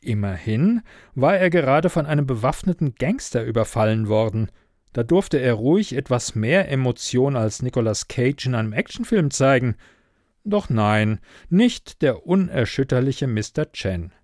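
Guy narrating an audiobook, wry even delivery, mid pitch, dry close mic. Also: normal speed, no room sound. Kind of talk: scripted first-person narration.

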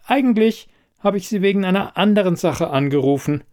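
A man's voice: sits high, lively intonation, fairly quick, darkish tone, voice pushed up. A man reading an audiobook and voicing a flustered woman scientist who stammers and hesitates. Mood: insistent. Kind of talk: audiobook character voice.

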